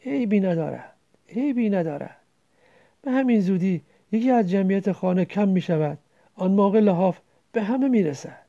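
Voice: medium pitch, expressive, mellow, highs cut off, close to an everyday voice. A reader voicing a dying village man, weary and short of breath. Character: sick poor village man near death.

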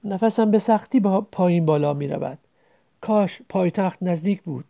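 Brief: reader doing a frail dying villager, gravelly and dark, tired and breathless. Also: mid-range voice, highs cut off, close to an everyday voice. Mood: weary. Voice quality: weary, short of breath. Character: sick poor village man near death.

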